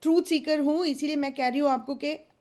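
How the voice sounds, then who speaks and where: A woman speaking as a panelist on a news debate, assertive but halting, with many fillers and English phrases mixed in. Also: high voice, steady tone, mellow.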